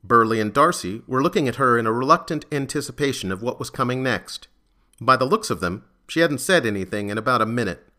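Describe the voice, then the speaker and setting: A male narrator reads a crime serial in a measured, even storytelling manner. His tone is bright and forward, and his pitch sits mid-range for a man. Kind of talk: scripted audiobook narration.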